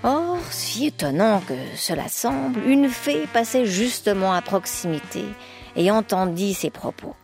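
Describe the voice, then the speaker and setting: A woman narrating a storybook tale in a measured, wry way. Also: medium pitch, animated, music in the background.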